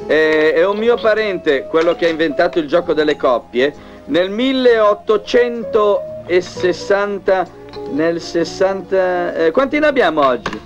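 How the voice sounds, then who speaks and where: Long-winded, flustered factory owner, middle-aged, high-pitched, stammering pomposity, seventies comedy film, muffled soundtrack. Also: male voice, animated, a little slow. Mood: boastful, rambling. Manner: rambling, stammering hesitations. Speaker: film actor. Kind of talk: 1970s Italian film comedy acting. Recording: dull old film soundtrack with music.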